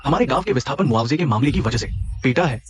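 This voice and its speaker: Guy playing loud bullying village man, threatening, sucks up to the boss, dubbed drama. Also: medium pitch, lively intonation, fast talker, natural voice. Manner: loud, threatening, then fawning. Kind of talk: Hindi-dubbed drama acting.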